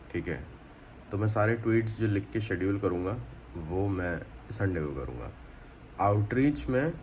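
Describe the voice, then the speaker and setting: A man's voice: deep voice, dull audio, slight background noise. A man talking casually to the camera in a daily vlog, thinking aloud and switching between Hindi and English. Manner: mixes Hindi and English, reflective and chatty. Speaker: vlogger.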